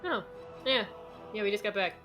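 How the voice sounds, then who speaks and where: A woman's voice: mid-range voice, moderate pace, fairly bright tone, faint music behind. A woman chatting casually as a player in a tabletop game, informal and joking.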